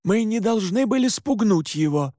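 A man's voice: high voice, lively intonation, slow, creaky, no room sound, studio quality, pitched above the performer's own voice, heavily acted. Anxious old priest, a man reading him. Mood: urgent. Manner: urgent, pleading, often shouting. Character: older male priest, anxious and strained. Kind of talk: audiobook character voice.

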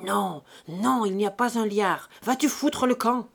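A woman's voice: medium pitch, unhurried, gravelly. A woman voicing an indignant old peasant father. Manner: loud, indignant, scolding. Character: angry old peasant father, weak but defiant.

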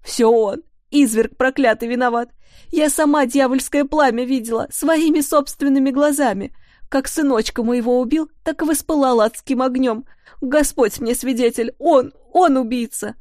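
A shrill, grief-crazed mother wails and hurls accusations in a voice pushed high above the teller's own, as a woman narrator puts her on. The sound is dry and close, with no room around it. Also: fairly even intonation, moderate pace, hardly any pauses, mellow, no room sound. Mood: raging. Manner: wailing, shrieking accusations.

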